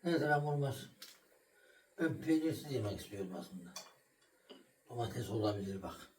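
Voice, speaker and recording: With a medium-pitched, slightly mellow voice, this middle-aged man speaks expressively at normal speed, with slight background noise. He hosts a casual home vlog, making a sandwich for viewers and then calling and coaxing an animal.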